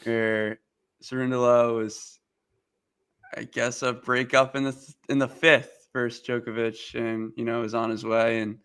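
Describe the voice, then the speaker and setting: Male guest analyst, medium pitch, very bright and smooth resonant voice, casual sports chat in measured phrases. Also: level tone. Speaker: guest co-commentator.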